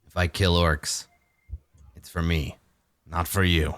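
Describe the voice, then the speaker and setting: A man voicing a sullen, proud hobgoblin prisoner in a tabletop game, speaking slowly and tersely. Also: low voice, fairly even intonation, fairly bright tone, no echo, voice pushed down. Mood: proud, defiant. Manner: slow, grim, terse.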